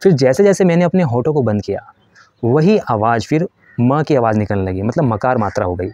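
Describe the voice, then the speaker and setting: A man's voice: medium pitch, animated, brisk, dark tone, highs cut off. A man giving a patient spiritual lesson. He explains step by step, asks questions and answers them himself, and shows how to chant. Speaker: spiritual teacher.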